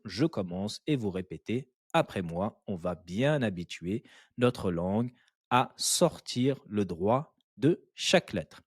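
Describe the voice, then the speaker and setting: In a step-by-step tajwid lesson, a man patiently teaches Quran recitation, drilling syllables slowly, repeating them, and praising the learner often. His voice is fairly low and slightly rough, with a dry, clean studio sound.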